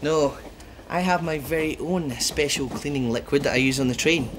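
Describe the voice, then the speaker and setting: A man's voice: a little high, normal speed, background noise, lightly acted. A man playing a fussy, proud train buffet worker who talks in a chirpy, sing-song way and chuckles often in a children's TV show.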